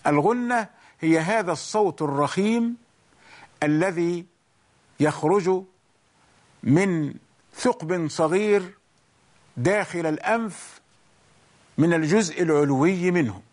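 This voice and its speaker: Patient male recitation teacher: unhurried, pitched high, says everything twice. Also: darkish tone. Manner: slow, explains each point twice, once in English and once in Arabic. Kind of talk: bilingual tajweed lesson.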